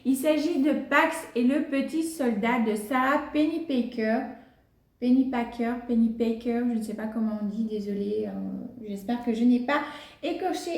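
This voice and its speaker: A fairly high-voiced woman talks through her latest book haul in a loose, chatty way, filling her pauses with hesitant sounds. The room gives her voice a noticeable echo. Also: a little mellow. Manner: chatty, many hesitant fillers, light laughs. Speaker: book vlogger. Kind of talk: casual book haul chat. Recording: roomy echo.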